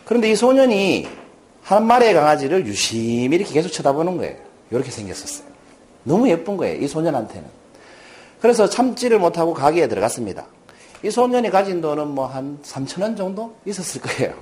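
This man's lecture mixes storytelling with lively impressions of the quoted characters, delivered fast in a fairly high voice. A little hiss or hum is audible.

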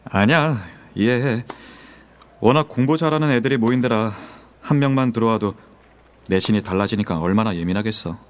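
An actor playing a polite, humble transfer student in an audio drama, with a mild, earnest delivery. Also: male voice, fairly low pitch, moderate pace, close to an everyday voice. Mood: mild, accommodating. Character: earnest, polite, humble high school transfer student, later grown lawyer.

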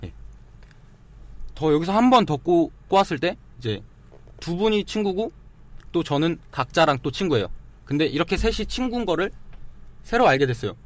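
A man's voice: a little high, big pitch swings, normal speed, long pauses, dry recording. A man appearing as a guest actor on a casual talk show, polite and hesitant with many yes-fillers.

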